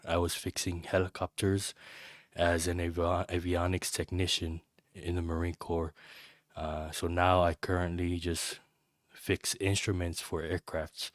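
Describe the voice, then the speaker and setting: Deep monotone samoan guy, 30s, matter of fact, podcast cohost, dry sound. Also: no room sound. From American Samoa. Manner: plain, matter-of-fact, some restarts. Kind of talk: casual interview talk.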